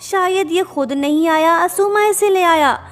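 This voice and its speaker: A woman narrating a drama recap in a brisk, chatty way, mixing in English words. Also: very high voice. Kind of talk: casual story recap narration. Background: faint music.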